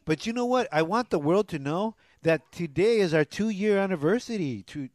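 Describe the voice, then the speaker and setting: Higher-pitched middle-aged man, slangy and jokey. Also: lively intonation, moderate pace, a little mellow, no echo. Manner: slangy, jokey, ends phrases with "eh"; drops Spanish into English. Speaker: talk show co-host. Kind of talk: casual chat.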